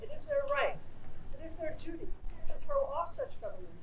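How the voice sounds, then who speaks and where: A woman's voice: very high voice, huge pitch swings, fairly quick. A woman reading a historic document aloud at a live ceremony in a formal, declamatory style. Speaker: ceremony reader. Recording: echoey, distant live microphone, noisy background.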